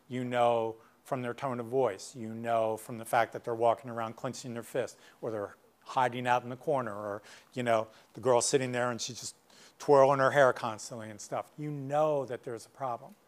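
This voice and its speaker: A middle-aged man leading a professional workshop, his voice sitting at an ordinary mid pitch. He talks loosely and conversationally, with frequent asides and stories from his practice. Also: moderate pace. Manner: conversational, many asides and anecdotes. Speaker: guest speaker, clinician. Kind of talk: workshop lecture.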